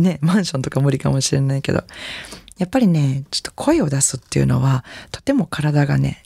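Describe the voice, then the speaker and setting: A woman radio host and jazz singer with a Kansai accent, chatting in a relaxed, gently encouraging way between songs. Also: sits low, vocal fry, husky, no echo. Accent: Kansai Japanese.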